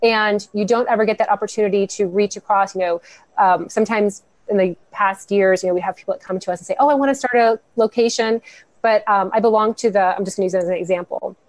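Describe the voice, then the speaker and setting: A woman's voice: medium pitch, fast talker, no echo. Upbeat woman guest on a dry mic. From United States, Cuban family. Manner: earnest, upbeat, talks in long flowing answers. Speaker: guest, founder of a women's network. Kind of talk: podcast interview.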